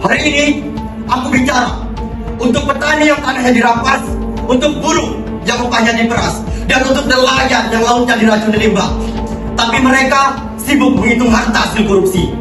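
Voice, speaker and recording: A woman's voice: on the high side, fairly even intonation, brisk, close to an everyday voice. A young woman playing a tragic heroine, a poor chained prisoner pleading in anguish in a theatrical monologue. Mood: grieving, accusing. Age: teenager. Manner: anguished, pleading, dramatic declamation. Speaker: student actor in a theatre monologue. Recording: echoey hall from far off, music behind. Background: music.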